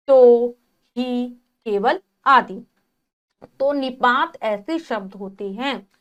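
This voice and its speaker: A woman teaching a grammar lesson to children, explaining step by step and addressing them directly. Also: on the high side.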